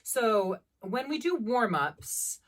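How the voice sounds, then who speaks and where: A woman voice teacher leading a singing warm-up, demonstrating each exercise by singing and then explaining it plainly. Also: fairly high pitch, sing-song, slow, far from the mic. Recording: loud piano under the voice. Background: piano accompaniment.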